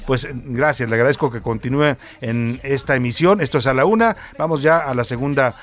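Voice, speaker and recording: A man hosting a radio news show, courteous and steady with his listeners and guests. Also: mid-range voice, brisk.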